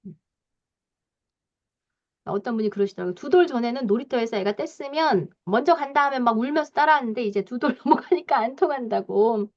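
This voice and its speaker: A woman parenting coach giving a lecture, talking in a lively way with frequent soft fillers and acting out parents' lines as she explains. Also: a little high, fast talker, hardly any pauses, lo-fi sound.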